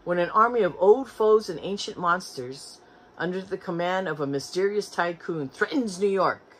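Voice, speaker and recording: A middle-aged woman with a lowish, expressive, slightly rough voice talks at a moderate pace through her thrift haul, reading back covers aloud and tripping over names. She sits in an armchair at home in a shelf-lined room, filmed by a camera in front of her, and the audio quality is poor.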